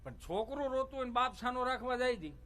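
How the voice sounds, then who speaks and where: A man's voice: extremely high pitch, lively intonation, fast talker, pushed and bright. A middle-aged male stand-up comedian, telling folksy, teasing jokes to a live audience with preachy asides. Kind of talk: Gujarati stage comedy monologue. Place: stage before a live audience.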